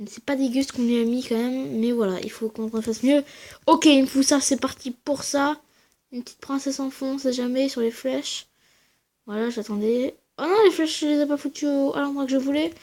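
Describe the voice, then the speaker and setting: A woman giving casual, slangy commentary over her own gameplay, talking quietly and then shouting at big wins and losses. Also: high-pitched. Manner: speaks quietly between outbursts. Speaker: gaming channel host.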